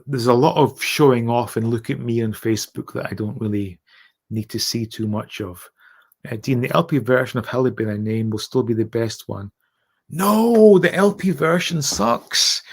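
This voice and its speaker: A Scottish man in middle age with a medium-pitched voice hosts a relaxed livestream. He talks candidly and informally, putting himself down and swearing freely as he chats with viewers. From Scotland. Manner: candid, self-deprecating, sweary. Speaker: livestream host. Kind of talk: casual livestream chat, reading out and answering comments.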